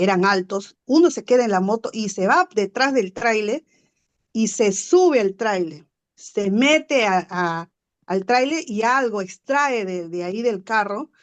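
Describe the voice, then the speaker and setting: A woman guest telling a story in casual conversation, chatty and animated, leaning on fillers and tag questions and acting out sounds. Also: mid-range voice.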